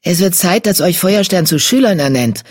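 A gruff nursing queen cat in an audiobook, as the reader plays her, spoken close to the narrating voice. Her voice is husky and breathy, and she sounds brusque and no-nonsense. The delivery is short and matter-of-fact. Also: medium pitch, expressive, moderate pace, dry recording. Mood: curt. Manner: curt, brusque.

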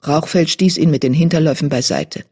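A reader giving a steady, measured narration of an animal fantasy audiobook. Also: mid-range voice, breathy edge.

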